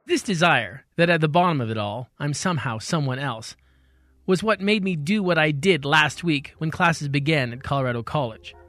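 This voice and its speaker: A man hosting a radio show and narrating a personal story in a wry, measured way. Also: on the high side, lively intonation, fairly bright tone, no echo, studio quality.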